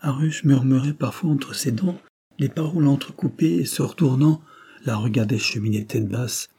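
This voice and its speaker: Man, audiobook narrator, classic novel, dark mellow tone, slightly husky. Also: medium pitch. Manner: measured, dramatic storytelling.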